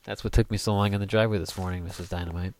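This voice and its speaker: A man's voice: low-pitched, fairly even intonation, rapid-fire, darkish tone, a little hiss or hum. A young man hosting a casual gameplay video, rambling and joking as he builds. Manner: jokey, rambling, sings goofy snippets. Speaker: gaming let's play host.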